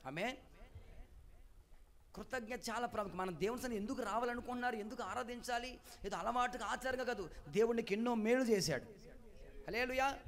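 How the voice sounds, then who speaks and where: A male pastor preaching a sermon at a Sunday service. He calls out to the congregation for responses and swings between quiet asides and loud, emphatic exclamations. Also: extremely high pitch, brisk, pauses often.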